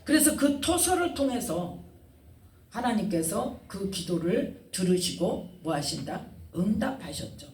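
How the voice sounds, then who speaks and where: A woman's voice: medium pitch, very animated, unhurried, darkish tone, roomy sound, far from the mic. A woman pastor preaching a sermon, asking the congregation questions and retelling scenes with feeling. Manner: call-and-response questioning, dramatic retelling.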